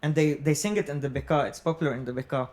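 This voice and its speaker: A man's voice: fairly high pitch, steady tone, rapid-fire, darkish tone. A man in casual conversation, explaining things in an informal way. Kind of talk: casual conversation about music and culture.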